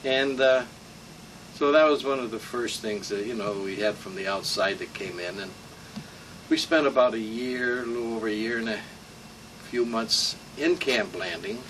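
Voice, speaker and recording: Elderly American veteran reminiscing, distant mic. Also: male voice, medium pitch, normal speed, a bit bright. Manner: old veteran remembering, rambling anecdotes with salty asides. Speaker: war veteran being interviewed. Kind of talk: informal oral-history reminiscence. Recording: distant mic with room hum.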